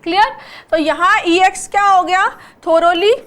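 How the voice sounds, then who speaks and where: A woman's voice: very high-pitched, steady tone, moderate pace, fairly bright tone. A woman teaching an exam-prep English class. She explains patiently, spells words out letter by letter, and keeps checking with rhetorical questions.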